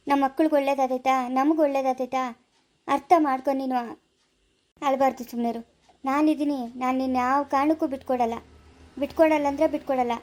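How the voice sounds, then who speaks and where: A woman's voice: high voice, close to an everyday voice. A performer playing a patient husband who soothes and reassures his wife in an amateur family drama skit. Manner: calm, coaxing and reassuring.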